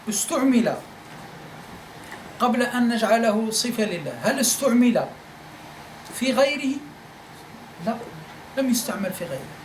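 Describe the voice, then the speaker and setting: A male teacher from Algeria giving a classroom lecture, repeating his points and asking listeners whether they follow. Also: very high-pitched. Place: study circle room. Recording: echoey room, faint noise.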